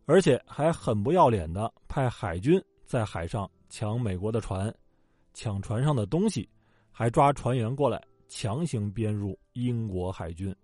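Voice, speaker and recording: A man's voice: on the low side, animated, a little slow, warm tone, no echo. A man telling history in a casual, joking storytelling way, with colloquial asides. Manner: colloquial and joking, with acted quotes. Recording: dry close mic with faint background music.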